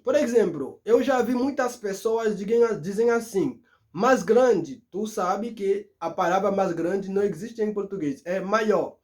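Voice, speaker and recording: High-voiced Haitian man teaching language. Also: darkish tone. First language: Haitian Creole. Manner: switches between Creole, French and Portuguese, repeating words slowly to teach. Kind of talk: casual video lesson.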